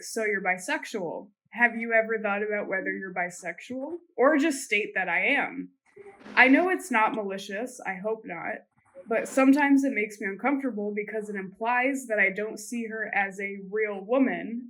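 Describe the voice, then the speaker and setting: A woman hosting a casual group podcast chat, reading forum questions aloud in an even, relaxed way. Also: medium pitch, moderate pace, poor audio. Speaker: podcast host.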